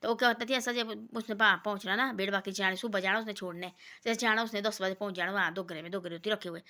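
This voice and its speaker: Bright-voiced woman telling rambling moral tales. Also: steady tone, fast. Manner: rambling, repetitive, quotes people in a lower voice. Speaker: storyteller giving moral talks. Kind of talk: casual moralizing folk storytelling.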